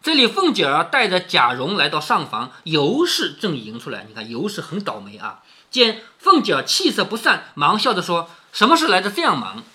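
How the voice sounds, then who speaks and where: A man's voice: on the high side, huge pitch swings, normal speed, bright, forceful tone. A man reading a classic novel aloud and commenting on it in a conversational way, often tossing in rhetorical tag questions.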